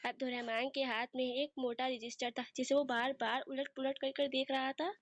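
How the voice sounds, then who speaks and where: High-voiced woman reading a novel. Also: level tone, normal speed, no room sound, studio quality. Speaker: novel reader. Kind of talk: scripted narration.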